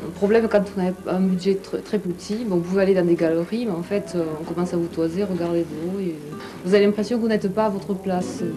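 A woman's voice: on the low side, steady tone, quick pace, hardly any pauses, over music. A middle-aged woman, an art buyer, speaking in a plain, matter-of-fact way. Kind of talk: interview. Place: vaulted brick gallery cellar, indoors.

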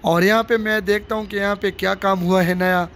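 A high-voiced man vlogs casually while walking through a cricket stadium under construction, filming himself on a handheld phone with faint background noise outdoors. He gives construction updates in a brisk, fairly bright tone with fairly even intonation. He talks straight to viewers, often repeating phrases as he shows them around.

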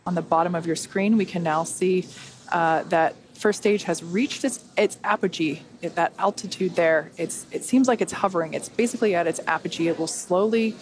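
Lowish-voiced woman commentating live. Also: moderate pace. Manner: explanatory, conversational. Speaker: launch webcast host. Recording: faint background noise.

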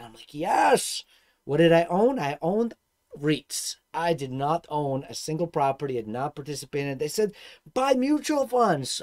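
A man from Serbia in his thirties with a Serbian accent, talking to a webcam about personal finance in an animated, gesturing way. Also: on the high side. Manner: animated, gestures a lot, swings between loud and soft. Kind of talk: casual vlog monologue. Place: dark room indoors.

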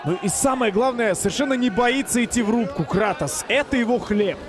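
A man giving excited live commentary on a fight as a commentator. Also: extremely high pitch, a little fast, crowd noise.

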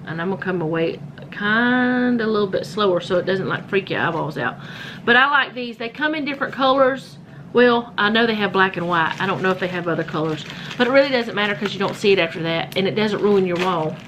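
Animated and brisk, a medium-pitched woman chats casually at home while filming household items on a handheld phone. This home vlogger rambles and corrects herself in a show-and-tell format, with background noise behind her.

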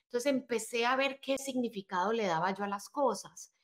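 A woman's voice: on the high side, normal speed. Earnest motivational woman coach. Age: adult, married with children. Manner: earnest and motivational, often asks "¿verdad?". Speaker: life and business coach, podcast guest. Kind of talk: conversational interview, personal story.

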